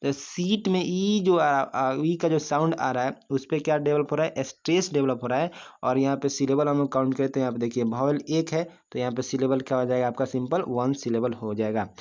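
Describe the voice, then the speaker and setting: A male teacher of mid pitch, walking his students through a lesson one step at a time and stopping often to ask them questions. He stretches out single syllables so they can say them back. The recording sounds dull and lo-fi. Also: fairly even intonation, darkish tone. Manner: explains step by step with frequent rhetorical questions; slowly drawls out sounds and syllables for the class to repeat. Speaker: English teacher. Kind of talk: classroom-style video lesson.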